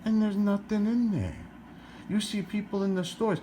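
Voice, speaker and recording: A man's voice: sits high, moderate pace, warm tone, slight background noise. A middle-aged man from New Jersey ranting to camera, exasperated, firing rhetorical questions and repeating himself. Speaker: vlogger.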